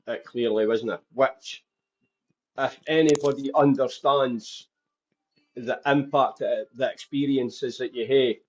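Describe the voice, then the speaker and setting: A man's voice: mid-range voice, a little mellow, muffled recording. A man with a Dundee Scottish accent, speaking openly as a podcast guest who tells his life story. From Scotland. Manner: open, candid storytelling.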